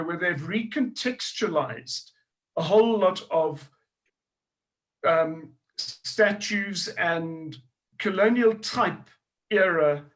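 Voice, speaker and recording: On a panel discussion, a middle-aged South African historian with a higher, slightly bright voice and a South African English accent talks earnestly through his thoughts. He restarts phrases and loops back to his point as he thinks aloud, captured on a rough recording.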